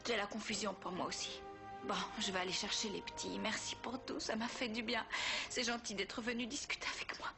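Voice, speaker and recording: A woman playing a warm, curious young confidante in a French-dubbed telenovela. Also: mid-range voice, steady tone, a little fast, natural voice. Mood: confused, soft. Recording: background music under dialogue.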